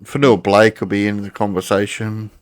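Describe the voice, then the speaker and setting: A man's voice: fairly low pitch, little pitch movement, normal speed. A man leading a casual sports discussion as podcast host, with matey, sweary banter.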